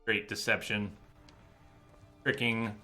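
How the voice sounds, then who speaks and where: Over the game's music, a man narrates his playthrough live, musing casually as he goes. He talks slowly in a lowish, level voice that sounds pushed and bright.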